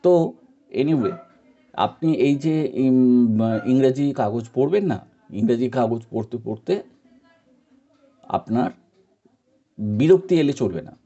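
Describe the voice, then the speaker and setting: Indian guy teaching, super dark mellow voice, slow patient advice, kinda muffled lo-fi sound. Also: medium pitch, expressive. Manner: patient, repetitive, encouraging, with many pauses and fillers. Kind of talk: informal spoken lesson. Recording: dull lo-fi recording.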